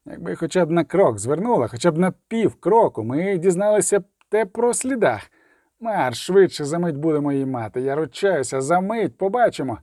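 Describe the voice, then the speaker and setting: A man's voice: fairly high pitch, lively intonation, a little fast, warm tone, no echo, clean studio sound, lightly acted. A man voicing a tired but insistent male tracker in an audiobook, impatient and pushing the others on. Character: weary, insistent male tracker pressing the hunt.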